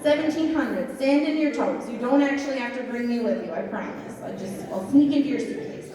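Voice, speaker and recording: A woman acting as a volunteer auctioneer at a live fundraiser, playfully joking and chanting bids in quick repeats. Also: a little high, a crowd in the background. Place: large event hall at a fundraiser. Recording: echoey hall, voice from far off.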